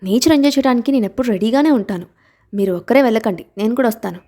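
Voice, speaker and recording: A woman reading an audiobook aloud and voicing an emotional young wife who is quick to protest, her pitch and volume lifting a little above her narration. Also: dark tone, close to an everyday voice. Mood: eager.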